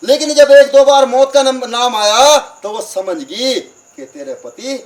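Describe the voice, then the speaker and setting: High-voiced preacher telling a sermon story. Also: male voice, unhurried. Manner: lively storyteller who acts out the dialogue and asks the crowd questions. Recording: far from the mic, crickets in the background.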